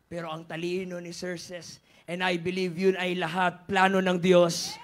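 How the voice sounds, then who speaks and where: A male pastor with a Filipino accent, telling a Bible story as a lively sermon, mixing in English and rising to shouted exhortations. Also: high-pitched, measured pace.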